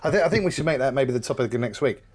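A man's voice: mid-range voice, lively intonation. A man co-hosting a podcast, chatting casually in a jokey, teasing way and often cutting in. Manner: jokey, teasing, quick to interrupt. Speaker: podcast co-host. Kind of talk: casual chat.

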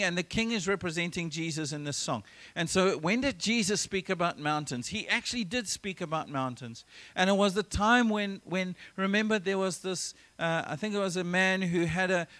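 Pastor, male, high voice, preaching an earnest church sermon with emphatic phrasing and quick restarts. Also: pushed and bright. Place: church service.

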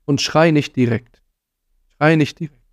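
A man's voice: a little high, a little slow, dry recording, clean studio sound. A man giving an earnest religious talk on parenting, admonishing his listeners and sprinkling in Arabic phrases. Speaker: preacher.

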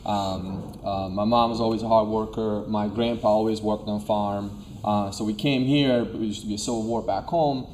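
A man's voice: on the low side, fairly even intonation, normal speed, few pauses, a little mellow. A man from Serbia, speaking as a fitness trainer giving casual, conversational interview answers. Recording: clearly noisy room ambience.

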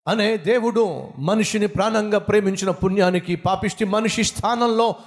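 A male pastor preaches emphatically, piling up repeated lists and speaking straight to the listener. His voice sits high for a man, and a long hall reverb trails after each phrase. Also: moderate pace. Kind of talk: sermon.

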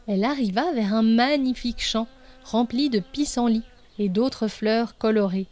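A woman narrating a children's story as a podcast storyteller, reading gently and expressively. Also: fairly high pitch, normal speed.

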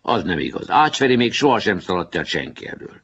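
Guy doing a blunt contrary kid talking back, low creaky voice. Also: muffled recording, slight background noise. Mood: objecting. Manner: blunt, objecting. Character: blunt contrary boy of the gang.

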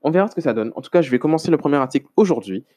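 Guy doing a solo podcast, rambly and hesitant, keeps restarting, mellow warm tone. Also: on the high side, expressive, rapid-fire. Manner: rambling, hesitant, many restarts and self-deprecating asides. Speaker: podcast host. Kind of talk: casual solo podcast monologue.

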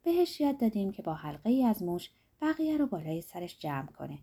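A woman narrating a fairy tale in a soft, dreamy way, her sentences trailing off quietly. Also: medium pitch, big pitch swings, husky. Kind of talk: storytelling narration.

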